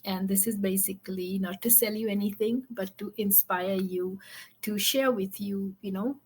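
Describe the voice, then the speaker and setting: Husky upbeat woman host from Fiji. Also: mid-range voice, steady tone, moderate pace, darkish tone. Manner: upbeat, talks with many fillers. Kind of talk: online interview.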